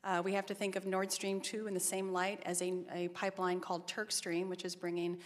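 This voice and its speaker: A woman giving formal testimony as an expert witness, measured and deferential, stressing her key points. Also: on the low side, completely flat delivery. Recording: reverberant hearing hall.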